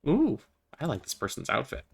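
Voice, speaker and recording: A young gaming vlogger drifts through spiritual ideas while playing, his medium-pitched voice swooping wildly, fairly quick, with vocal fry and a breathy edge. He's meandering and playful, easily distracted, stuffing his talk with fillers and little asides.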